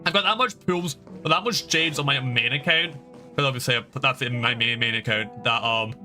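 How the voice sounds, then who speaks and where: Bright and forceful, the man's mid-range voice moves at a brisk clip. He provides informal, rambling, emphatic commentary on his game during a livestream, with game music in the background.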